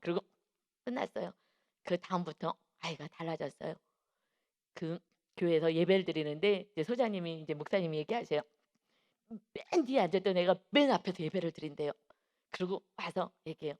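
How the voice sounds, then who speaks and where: A woman pastor giving an early-morning sermon, telling a personal story earnestly and swinging from hushed tones to emphatic ones. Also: lowish voice, a little fast, pauses often. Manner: earnest storytelling, acting out quoted voices.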